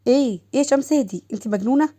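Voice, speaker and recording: A woman's voice: high-pitched, rapid-fire, dark tone, pitched above the performer's own voice. A woman with an Egyptian accent voicing a recovering husband who teases his wife in an easygoing way. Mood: teasing.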